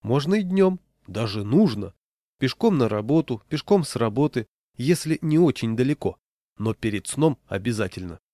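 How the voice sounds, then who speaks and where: A man voicing a calm doctor who gives advice in a matter-of-fact way. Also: medium pitch, normal speed, dry recording, studio quality, natural voice.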